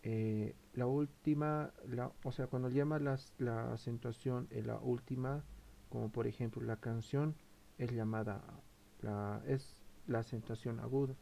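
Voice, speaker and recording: A man presents a school topic in a gravelly, mellow voice. He reads through his points haltingly, with filler sounds and frequent restarts. His delivery sounds like a student's prepared presentation. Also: medium pitch, fairly even intonation, a little hiss or hum. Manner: hesitant, frequent fillers and self-corrections. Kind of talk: read-aloud school presentation.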